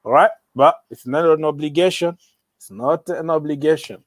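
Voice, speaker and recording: A man's voice: a little high, normal speed, no room sound. A young man hosting a casual football livestream, joking around and talking straight to his viewers. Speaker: livestream host of a football channel.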